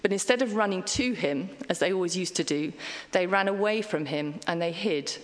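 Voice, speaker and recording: A woman's voice: lowish voice, normal speed. A middle-aged woman giving a conversational sermon, chatty and self-deprecating with frequent ums and asides. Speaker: preacher. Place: church hall. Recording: long hall reverb.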